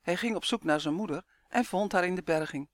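A man's voice: high voice, a little fast, no echo. Man reading a storybook, dry close sound. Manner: clear, even storytelling. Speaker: narrator.

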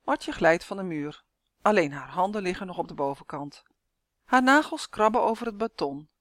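Lively woman reading a children's story. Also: lowish voice, moderate pace, no room sound, clean studio sound. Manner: lively, voices the characters.

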